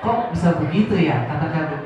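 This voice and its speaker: A man's voice: on the high side, brisk, a crowd in the background. A man asking a question from the audience at a parents' talk, exasperated and half-laughing. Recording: echoey hall, distant mic, dull and noisy.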